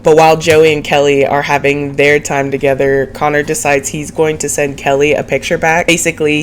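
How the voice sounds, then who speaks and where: A woman's voice: sits low, a little hiss or hum. A woman with a nasal, stuffed-up voice from a cold, giving a chatty, opinionated, casual recap as a show host. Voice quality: nasal, congested, whiny. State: sick with a cold. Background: background music.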